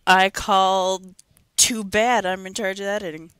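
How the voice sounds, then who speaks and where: A woman's voice: mid-range voice, level tone, measured pace, fairly bright tone, smooth, no room sound, studio quality. A woman co-hosting a casual gaming podcast, teasing her co-host and laughing easily. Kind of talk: casual chat. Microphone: home computer mic.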